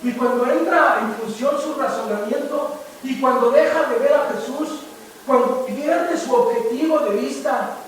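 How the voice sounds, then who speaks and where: A man preaching with a strikingly high voice, emphatic and quizzing his listeners. He sounds distant from the mic, in a very echoey church hall with faint noise behind. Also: measured pace. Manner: emphatic, asks the congregation questions. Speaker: pastor. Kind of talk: sermon with congregation questions.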